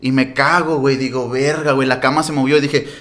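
A man's voice: medium pitch, fairly even intonation, fast talker, a bit bright. A young man with a Mexican accent, animatedly telling a story in slangy casual chat, laughing as he goes. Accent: Mexican Spanish. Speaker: storyteller in a group podcast.

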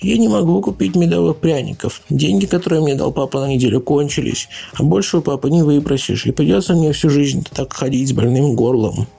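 A man voicing a sly, boastful young male ghost who whines and pleads, in a gravelly voice. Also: on the high side, expressive, normal speed, warm tone, faint music behind, voice pushed up, full character voice. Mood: whining.

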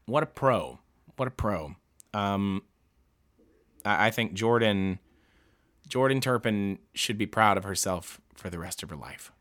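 Man host, bright tense voice, halting heartfelt commentary, lots of restarts and swearing. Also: lowish voice, lively intonation. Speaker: podcast host reading a true-crime book. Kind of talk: emotional casual commentary.

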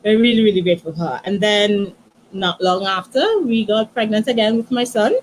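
Soft-spoken woman telling a personal story. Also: mid-range voice, animated, a little hiss or hum, low-quality recording. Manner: soft, halting, many restarts and "you know". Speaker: guest, author.

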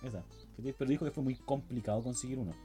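A man's voice: medium pitch, quick pace, mellow, soft background music. A young man with a Chilean accent, chatting casually and explaining things at length with plenty of slang. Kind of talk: casual chat.

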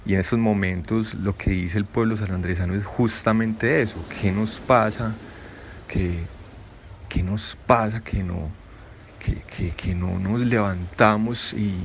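A man's voice: fairly low pitch, slight background noise. A man commenting on a radio show, reflective, with many hesitant fillers. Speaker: guest commentator.

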